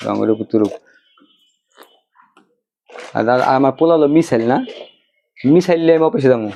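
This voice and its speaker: A man's voice: fairly high pitch, racing, mellow, a little hiss or hum. A man playing a mocking, dismissive husband in a family quarrel skit. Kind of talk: acted domestic quarrel skit. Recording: dull lo-fi sound.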